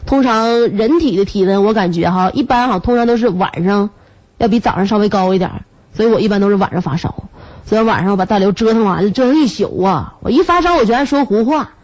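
A woman's voice: medium pitch, fast. Stuffy-nosed Northeastern woman radio host. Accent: Northeastern Chinese. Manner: lively, teasing, laughs often. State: stuffy nose from a cold. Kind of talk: comic chatty monologue. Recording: muffled radio broadcast recording.

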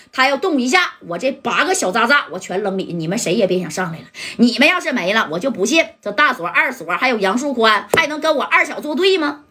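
A woman storyteller narrates a serialized tale. Her voice is bright, a little husky and pitched somewhat high. She talks in a lively, chatty way and keeps asking the listener questions.

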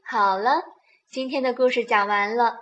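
A woman hosting a children's program, telling a bedtime story in a soft, slow, soothing way. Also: a little high, steady tone, lo-fi sound, a little hiss or hum.

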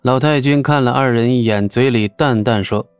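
Male audiobook narrator, mid pitch, steady and even, dry close recording. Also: normal speed, clean tone, dry recording, faint music behind.

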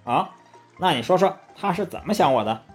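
A man's voice: a little high, animated, brisk, faint music behind, pitched above the performer's own voice, close to an everyday voice. Sun Wukong, a man doing a haughty monkey king. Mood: doubting. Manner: haughty, commanding. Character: proud, mocking male monkey king.

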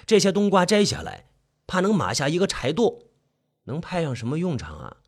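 Horror storyteller: husky man, fairly high pitch, lively melodic delivery. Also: normal speed. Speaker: narrator. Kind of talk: scripted horror story narration.

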